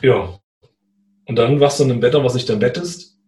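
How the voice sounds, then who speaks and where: A man in a casual conversation, telling a personal story in a lively way and acting out what people said. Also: mid-range voice, a little fast, roomy sound. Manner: animated, acts out quoted dialogue. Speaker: guest telling his story.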